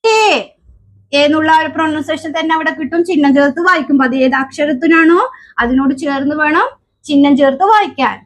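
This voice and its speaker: A woman with a Keralan Malayalam accent teaching children letters. She asks question after question, answers them herself, and sounds out letters slowly. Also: sits high. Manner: slow, drawn-out sounding of letters. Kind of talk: children's alphabet lesson.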